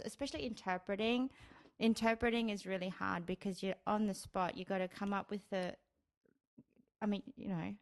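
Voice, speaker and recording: A woman from Australia with a Brisbane accent, chatting casually and frankly as an interview guest. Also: medium pitch. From grew up in Australia. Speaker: guest, Japanese interpreter-translator. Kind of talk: casual chat.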